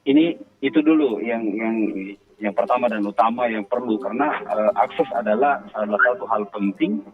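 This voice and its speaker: A man heard through a telephone line, the audio dull and muffled. He speaks formally, stopping often on fillers as he gathers his words. He is a guest phoning into a live radio show. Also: lowish voice. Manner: formal, pauses with frequent fillers. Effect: heard over a phone line. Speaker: interview guest. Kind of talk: live radio phone interview.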